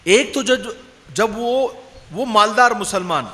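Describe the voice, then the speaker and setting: A male Islamic preacher from Pune tells a sermon story in a lively way and quizzes his audience. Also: sits high. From Pune, India. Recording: long hall reverb.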